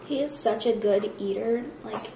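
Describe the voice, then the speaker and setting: A woman's voice: mid-range voice, normal speed, reverberant, heavy background noise. A young woman vlogging casually at home, chatty and full of fillers, nauseous and tired. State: nauseous, worn out. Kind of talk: casual vlog chat. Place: home kitchen.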